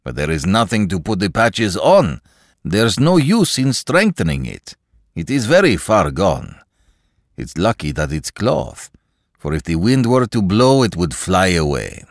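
A man doing a blunt, gruff old tailor. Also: fairly low pitch, sing-song, measured pace, no room sound, studio quality, voice pushed up. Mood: blunt, dismissive. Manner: blunt, decisive. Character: gruff one-eyed older male tailor, composed.

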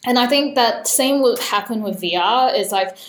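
A woman's voice: on the high side, normal speed, a bit bright, reverberant. A young woman raised in Australia and Hong Kong, talking thoughtfully as an interview guest, with many fillers. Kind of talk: casual interview conversation.

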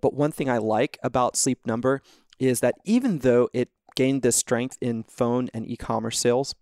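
A man walks through a stock pick in an easygoing, conversational way, with a quick laugh now and then. His voice sits at a middle pitch, recorded close and dry. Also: darkish tone, no echo. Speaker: podcast co-host. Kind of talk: casual investing analysis.

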